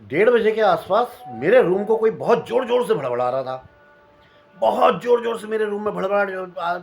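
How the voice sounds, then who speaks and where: Man from Uttarakhand, slightly high-pitched storyteller; animated ghost-experience telling. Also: normal speed, creaky, faint music behind. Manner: animated, repeats phrases for suspense. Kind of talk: recounting a personal ghost experience.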